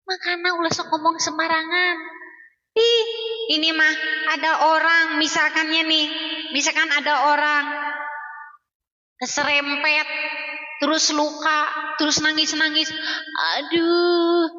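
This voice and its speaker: A woman's voice: high voice, flat delivery, unhurried, pauses often, sharp tone. A woman preacher, giving an informal, chatty sermon to mothers, teasing and scolding as she goes. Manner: chatty, teasing and scolding, mixes in regional words. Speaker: female Islamic preacher. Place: hall with mothers present. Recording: echoey hall, dull lo-fi sound.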